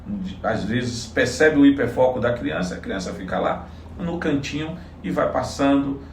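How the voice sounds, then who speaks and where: A man's voice: medium pitch, expressive, moderate pace, echoey room, recorded from a distance, slight background noise. A man from Salvador, a psychologist, giving earnest, explanatory interview answers with frequent restarts. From Salvador, Bahia, Brazil. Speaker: psychologist and political candidate.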